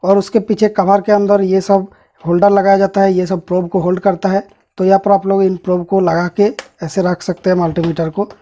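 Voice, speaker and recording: A man walks viewers through a gadget unboxing in a relaxed, chatty way, pointing out each part as he goes. His voice is mellow and dark in colour, and his pitch barely moves, staying steady and even from line to line. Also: fairly quick, dull audio. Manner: explains while handling the device, addresses viewers as friends. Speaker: host of an electronics channel. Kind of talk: casual product unboxing and review.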